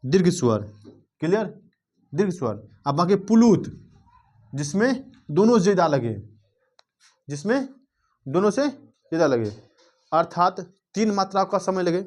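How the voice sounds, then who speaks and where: A male teacher with a fairly high voice runs a grammar lesson. He keeps quizzing his students and asking whether they follow, and now and then stretches vowels out slowly to demonstrate length. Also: big pitch swings, a little mellow. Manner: drills students with repeated questions and "clear?" checks; drawls words out slowly to show vowel length.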